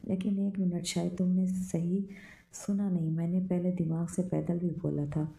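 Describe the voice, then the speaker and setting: A woman's voice: fairly low pitch, flat delivery, normal speed, creaky, dark tone. Woman reading as a cocky, teasing young man. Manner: mocking, needling. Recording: roomy echo.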